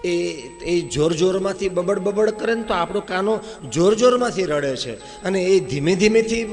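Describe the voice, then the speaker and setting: A man's voice: high-pitched, normal speed, in a large hall, soft background music. A man voicing a maidservant who anxiously reports to the mother that the baby keeps crying. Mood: hushed. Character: anxious female servant, whispering reports.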